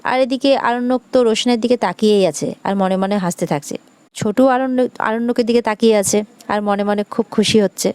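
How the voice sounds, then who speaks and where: A woman narrating a TV serial episode in a steady storytelling way, quoting each line of the characters. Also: a little high, fairly quick, smooth, no echo. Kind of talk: retelling a TV serial episode with quoted dialogue.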